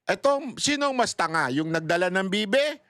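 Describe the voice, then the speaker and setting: A man's voice: high voice, animated, normal speed, bright, forceful tone, smooth, dry recording, clean studio sound. A male vlogger giving mocking, sarcastic political commentary, laughing often and taunting his opponents.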